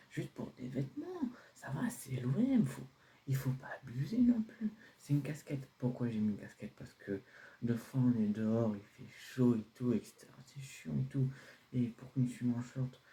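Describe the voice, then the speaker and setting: A man's voice: mid-range voice, dark tone, lightly acted. A man playing a carefree teenage son. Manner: casual, pleading, hesitant with fillers. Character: carefree teenage son defending his outfit. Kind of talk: homemade comedy sketch.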